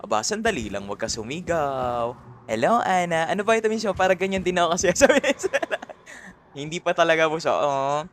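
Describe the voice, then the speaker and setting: A man's voice: a little high, animated, brisk, a bit bright. A man with a Filipino accent doing livestream gameplay commentary, greeting chat viewers by name and mixing Tagalog and English. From Philippines. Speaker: streamer.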